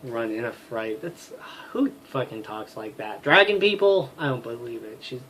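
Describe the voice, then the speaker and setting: A man's voice: medium pitch, lively intonation, moderate pace, a bit bright, slight background noise, rough recording. A man reading through a game as a let's player, with profane, self-mocking comic asides. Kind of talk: comedic game commentary.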